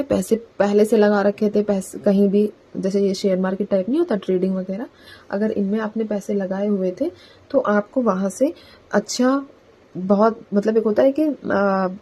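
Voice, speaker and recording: A woman's voice: medium pitch, dark tone, rough recording. A woman giving a casual collective tarot reading to her viewers, talking in a chatty way and often adding "theek hai" as a filler. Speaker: tarot reader.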